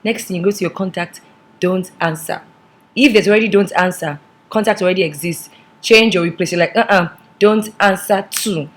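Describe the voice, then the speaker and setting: Hoarse Nigerian woman vlogger, voice swallowed. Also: lowish voice, a little fast. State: hoarse, partly lost voice. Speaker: vlog host. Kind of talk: casual chatty vlog monologue.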